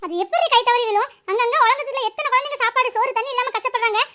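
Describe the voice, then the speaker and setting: A woman voicing a shrill scolding cartoon mother. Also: fast talker, sharp tone, slight background noise. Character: scolding hot-tempered mother, middle-aged woman. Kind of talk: cartoon voice acting.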